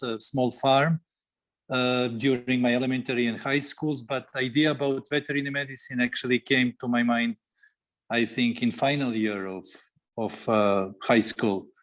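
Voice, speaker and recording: Man with halting speech. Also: mid-range voice, level tone. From Serbia. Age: 40s. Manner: halting, many fillers, non-native grammar. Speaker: guest veterinarian. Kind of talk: podcast interview.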